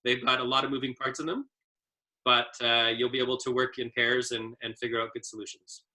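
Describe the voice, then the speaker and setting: A man leading a casual training session for ski instructors, telling stories in an easygoing way with plenty of ums. His voice is bright and forceful, sitting at an ordinary middle pitch. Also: little pitch movement, a little fast. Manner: easygoing storyteller with many fillers.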